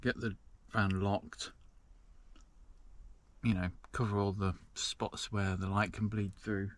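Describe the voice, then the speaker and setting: A man's voice: on the low side, flat delivery, slow. A man chatting casually to camera from inside a small parked van, rambling with lots of ums. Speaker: van-life vlogger.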